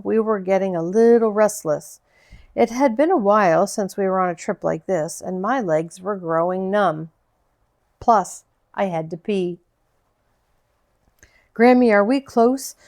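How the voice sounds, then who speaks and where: A woman narrating an audiobook chapter in a gentle, unhurried storytelling voice, with the odd small slip. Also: mid-range voice, creaky. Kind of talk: audiobook reading of a novel.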